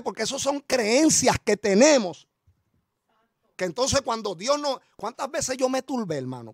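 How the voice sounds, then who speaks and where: Middle-aged Puerto Rican male pastor, high voice, animated storytelling sermon, dry sound. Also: dry recording. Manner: animated storytelling preacher, chuckles, addresses congregation as brother.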